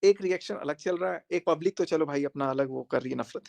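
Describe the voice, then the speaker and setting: A man's voice: on the high side, fairly quick, vocal fry, a little mellow. A man speaking on a live stream to his viewers, emphatic and confrontational, repeating his points for force. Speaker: social media creator.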